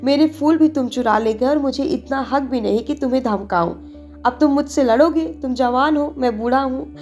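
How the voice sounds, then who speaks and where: A frail old man whimpers and pants between complaints, as a woman reads him. His voice rides high and strained, all self-pity. He belongs to a narrated novel with faint music underneath. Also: moderate pace, a little mellow. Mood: whining. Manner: whining, breathless pleading.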